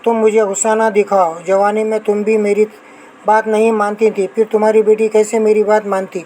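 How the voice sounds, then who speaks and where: A woman reading an audiobook novel, voicing a sharp-tongued older grandmother who taunts and scolds. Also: mid-range voice, flat delivery, a little hiss or hum, natural voice, rough recording. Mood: scolding.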